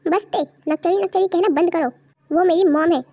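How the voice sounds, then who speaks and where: A high young voice playing a hot-tempered young mafia boss husband in an amateur fan audio drama, curt and threatening. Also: steady tone, brisk, mellow.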